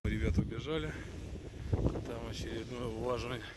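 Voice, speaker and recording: Man vlogging outdoors over loud wind noise. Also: mid-range voice, normal speed. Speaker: fishing vlogger. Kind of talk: casual running commentary while fishing. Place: outdoors at a fishing pond. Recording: very noisy outdoor recording, wind on mic.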